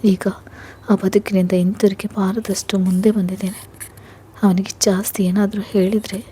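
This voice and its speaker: A woman's voice: mid-range voice, mellow, a little hiss or hum, close to an everyday voice. A woman reading the lines of a weary, regretful elder sister in a spoken story, subdued and resigned.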